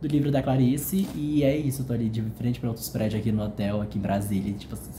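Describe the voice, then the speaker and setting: A man with a Brazilian Portuguese accent, excitedly unboxing a book on a casual vlog, gushing and jittery with nerves. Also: medium pitch, quick pace, roomy sound, slight background noise. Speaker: vlogger. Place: hotel room.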